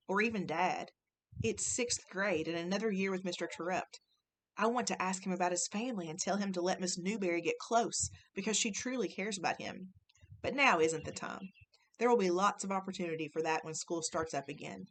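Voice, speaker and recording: A woman teacher reading a children's novel aloud to her class, gentle and expressive. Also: on the low side, slight background noise, rough recording.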